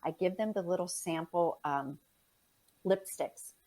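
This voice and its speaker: A woman guest on a podcast about pet loss, telling stories in a lively way and acting out what people said. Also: lowish voice, measured pace. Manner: animated, acts out quoted dialogue. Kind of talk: conversational storytelling.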